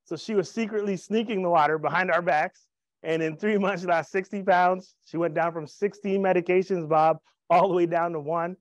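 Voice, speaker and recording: Speaking at a normal speed in a high-pitched, steady tone, this thirtysomething man gives a cheerful, jokey sales pitch to a live crowd from the stage of an event room. He uses a handheld microphone and shares personal anecdotes; there's no echo, and the high frequencies are cut off.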